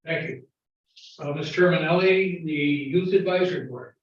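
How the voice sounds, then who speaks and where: A man's voice: a little high, normal speed. A man chairing a committee meeting who calls each agenda item in brief, curt lines. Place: county legislature meeting room. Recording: dull, echoey chamber audio from a distant mic.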